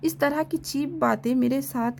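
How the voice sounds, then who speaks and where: Woman voicing a strict young male professor, curt and commanding, high voice for a man, storybook reading. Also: moderate pace, gravelly, a little mellow, slight background noise. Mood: cold. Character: stern young male university lecturer.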